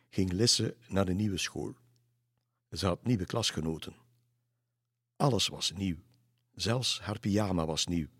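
Slow, deep-voiced storyteller. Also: male voice, slightly rough, no echo, clean studio sound. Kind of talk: reading a children's story aloud.

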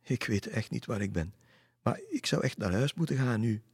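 A curious, polite young schoolgirl in a storybook, speaking, as a man reading aloud puts her on. Her voice is lifted and a little husky, recorded close and dry. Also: mid-range voice, expressive, normal speed, a little mellow, dry recording, voice pushed up.

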